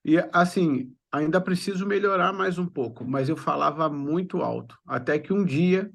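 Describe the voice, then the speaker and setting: A man's voice: a little high, normal speed, vocal fry. A man in a mentoring session, speaking candidly about himself. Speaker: mentoring participant. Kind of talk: casual chat.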